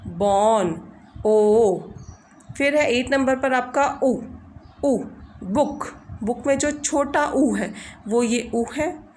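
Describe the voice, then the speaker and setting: A woman slowly teaching English vowel sounds, stretching out each example. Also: high-pitched, a little hiss or hum. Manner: slow, patient, drawn-out demonstration of vowel sounds. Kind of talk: slow explanatory lesson over a screen recording.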